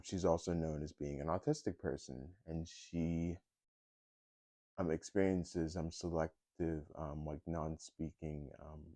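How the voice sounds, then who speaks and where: A young man speaks in a casual vlog, halting and searching for words, with many fillers and restarts. His voice sits very low and sounds dark and mellow. The recording is dry and close, with no room sound. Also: dry recording. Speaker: vlogger.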